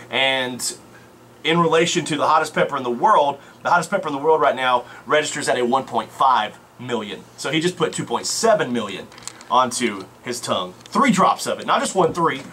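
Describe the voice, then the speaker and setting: A man hosting a live radio show, giving energetic play-by-play commentary in a crowded studio. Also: mid-range voice, fairly quick, a little hiss or hum. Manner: energetic, excitable narration.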